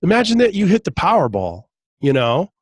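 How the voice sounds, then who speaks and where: Animated storytelling man, fairly high voice. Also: fairly quick, husky, no echo. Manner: animated, laughs often, acts out quotes in raised voice. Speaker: podcast guest, hypnotist. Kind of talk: casual storytelling chat.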